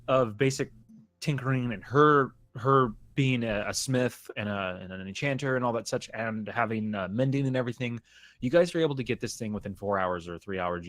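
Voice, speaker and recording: A man narrating a tabletop game as game master in a rambling, halting way, often laughing. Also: medium pitch, a bit bright, dry recording.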